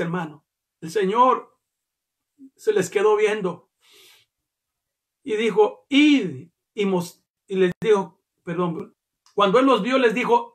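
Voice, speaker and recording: A very high-pitched male pastor delivering a fervent sermon. He keeps calling his listeners brother, stumbles over repeated words and breaks into shouts at his strongest points. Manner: rises to shouts at key points; repeats and restarts words while preaching.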